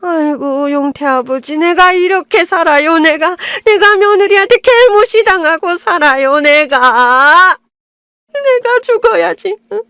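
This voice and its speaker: A woman's voice: very high-pitched, lively intonation, a little slow, bright, forceful tone, no room sound, clean studio sound, pitched above the performer's own voice, full character voice. A woman voicing a furious older mother-in-law who scolds, shrieks and wails in self-pity in an audio drama. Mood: wailing. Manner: shrieking, wailing and self-pitying.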